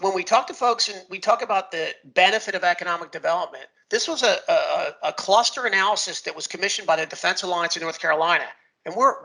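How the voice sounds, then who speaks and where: A man with a gravelly voice presenting slides informally at an event, in a folksy, emphatic way. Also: high-pitched, pushed and bright, poor audio. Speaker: presenter and moderator of a launch event.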